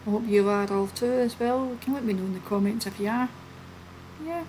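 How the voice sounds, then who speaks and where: A woman hosting a flight video with casual, chatty, relaxed running commentary. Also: a little high, a little fast, poor audio. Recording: steady background noise behind the voice.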